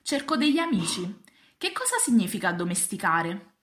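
A woman voicing a gentle, curious little boy prince who asks polite questions in a storybook. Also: mid-range voice, sing-song, normal speed.

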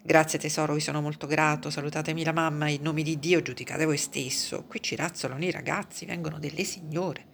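A woman's voice: sits low, steady tone, brisk, gravelly, hardly any pauses, a little hiss or hum. A woman reading as a flustered male doctor. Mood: protesting. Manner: flustered, protesting.

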